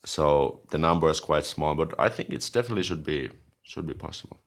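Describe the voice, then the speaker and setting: A Finnish man with a deep, low voice runs a laid-back language-learning live stream, talking a little fast. He goes through viewer comments in a chatty, easygoing way, filling gaps between thoughts with "like."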